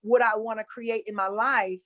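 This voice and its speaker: A woman from North Carolina, USA, with a Southern accent teaches about spirituality in a casual, earnest way, repeating phrases for emphasis. Her voice is on the high side, steady and a bit bright, at normal speed.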